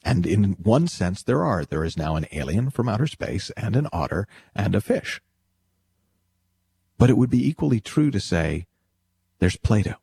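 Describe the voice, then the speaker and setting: A man teaching spiritual principles gives an explanatory motivational talk, addressing the listener directly with emphatic phrasing and rhetorical questions. His voice sits low, mellow and slightly rough, with vocal fry.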